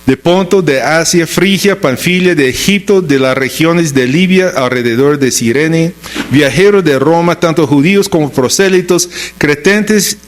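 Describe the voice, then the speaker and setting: With an American accent and English as his first language, a pastor delivers a Sunday sermon that blends scripture reading and storytelling. His voice sits a little high and moves unhurriedly, driven by rhetorical questions and emphatic short phrases he repeats.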